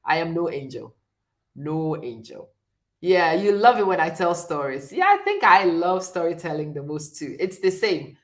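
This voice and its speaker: A woman's voice: fairly low pitch, very animated, moderate pace. A middle-aged woman from Ghana hosting a chatty live stream, talking directly to viewers and often laughing. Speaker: host.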